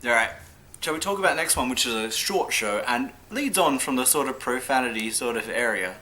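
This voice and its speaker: Bright-voiced playful man chatting. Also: medium pitch, expressive, a little fast, rough recording. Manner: playful, laughs often, stumbles over long titles. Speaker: co-host of an anime discussion channel. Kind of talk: casual chat.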